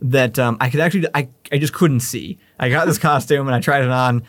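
A man's voice: medium pitch, a little fast, fairly bright tone, no echo. A young man co-hosting a casual podcast chat in an easygoing, self-deprecating way, chuckling as he tells stories. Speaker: podcast co-host.

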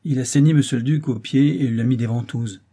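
A man's voice: medium pitch, brisk, dark tone, breathy edge. A man voicing an old, distressed servant of a duke, speaking in an agitated, fretful way in an audiobook reading. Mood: grave.

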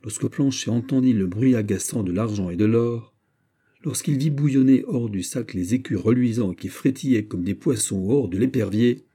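A man with a French accent narrating a classic novel as an audiobook, measured and literary. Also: mid-range voice, dark tone, breathy edge. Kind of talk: scripted narration.

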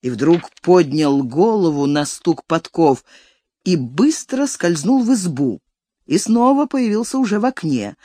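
A reader narrating a classic novel in an expressive, storytelling manner, recorded on a close studio mic. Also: mid-range voice, a little slow, no echo. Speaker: audiobook reader.

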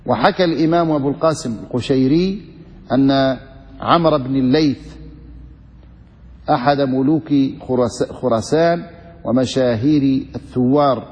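A man reads a classical religious text aloud in a steady, formal way. His voice is middle in pitch and carries a long reverb from a large room. The sound is dull and lo-fi. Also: normal speed, pauses often. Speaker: student reading the text aloud.

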